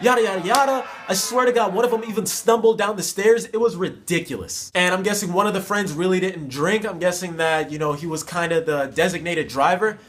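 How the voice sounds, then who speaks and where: A man's voice: high-pitched, fairly quick, few pauses, fairly bright tone. A young adult man telling a personal story as a vlogger, in a casual, slangy, emphatic way with plenty of repetition. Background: faint music.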